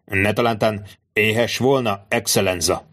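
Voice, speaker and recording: A man voicing a smooth, mock-deferential bandit jailer in an audiobook. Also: on the low side, steady tone, a bit bright, close to an everyday voice. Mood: mock-polite. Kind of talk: audiobook character voice.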